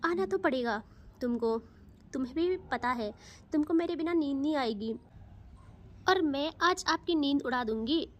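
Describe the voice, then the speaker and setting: A woman voicing a young woman who coaxes and pleads in a soft tone. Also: high voice, expressive, normal speed, long pauses. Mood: pleading. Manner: coaxing, pleading.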